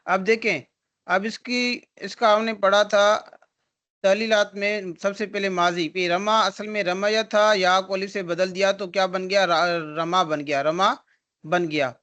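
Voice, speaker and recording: A man's voice: high-pitched, fairly even intonation, pushed and bright. A male teacher giving an online grammar lesson, explaining step by step and answering his own questions. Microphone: video call.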